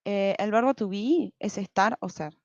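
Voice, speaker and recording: A woman's voice: medium pitch, a little slow, dry recording, highs cut off. A woman teaching a beginner English lesson over slides, patiently explaining step by step and checking in with "¿sí?".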